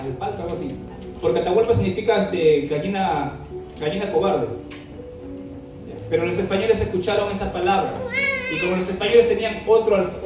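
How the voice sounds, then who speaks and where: A man teaching a Bible class, asking his students questions and spelling words out letter by letter. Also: sits high. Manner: asks the class questions often. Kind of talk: classroom lesson with dictation. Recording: very echoey room, mic far off, faint music.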